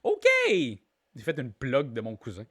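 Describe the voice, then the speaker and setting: A man's voice: mid-range voice, sing-song, slow pace, slightly rough. A man with a Québécois accent hosting a live online trivia game, playful and joking, repeating each question aloud and calling out players. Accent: Québécois French. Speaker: trivia quiz host.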